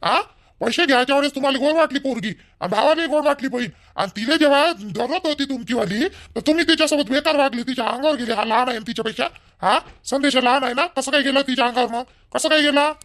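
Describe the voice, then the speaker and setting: A man playing an angry young son-in-law who demands money, shouting and rough. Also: very high voice, quick pace. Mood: furious.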